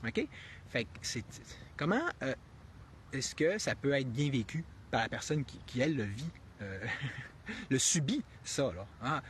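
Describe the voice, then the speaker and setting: With a measured pace and a sing-song, medium-pitched voice, a man with a Québécois accent offers live, unscripted commentary as a streamer. He rambles and thinks aloud, restarting often and leaning on fillers, earnestly firing off emphatic rhetorical questions. Slight background noise sits under the audio.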